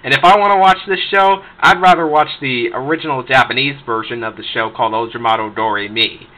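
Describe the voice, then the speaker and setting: A man with a very bright, sharp voice rants through a review of shows he dislikes, stumbling over many restarts. His pitch sits in a middling range, and he swears and laughs as he goes. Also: a little fast, rough recording. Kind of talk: unscripted ranting review.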